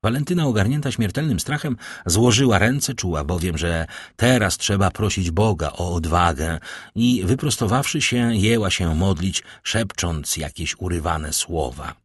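A man narrating a classic novel as an audiobook, reading in a measured, dramatic way. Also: sits low, lively intonation, husky, no room sound, clean studio sound.

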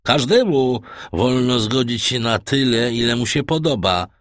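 Man playing a gruff doubtful skipper. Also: mid-range voice, animated, unhurried, no room sound, studio quality, lightly acted. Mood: brusque. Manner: doubtful, brusque. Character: gruff doubting middle-aged ship's master.

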